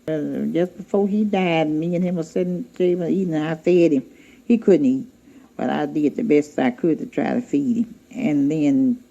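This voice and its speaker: A woman's voice: deep voice, fairly even intonation, moderate pace, vocal fry, mellow. An older woman telling a heartfelt, rambling family story in a casual way, acting out what people said. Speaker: interviewee recounting family memories. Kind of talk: casual spoken recollection. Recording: dull lo-fi archival recording.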